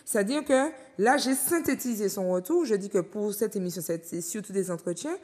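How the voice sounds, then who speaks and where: A woman hosting a talk show, measured tone. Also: mid-range voice, a little mellow, big-room sound. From Martinique. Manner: measured, reflective, reads viewer comments. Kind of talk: studio discussion.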